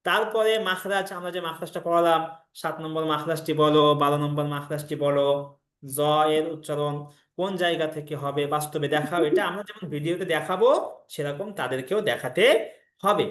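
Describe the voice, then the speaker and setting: A man's voice: a little high, a little fast, fairly bright tone. A man teaching in patient, step-by-step explanations, drilling letter sounds in a chanting rhythm. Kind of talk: instructional explanation of a reading course. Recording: echoey room sound.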